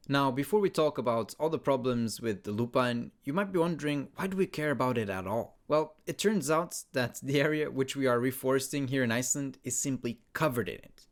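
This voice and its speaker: Man narrating a documentary. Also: medium pitch. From Portugal. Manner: measured, explanatory, clear. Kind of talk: scripted narration.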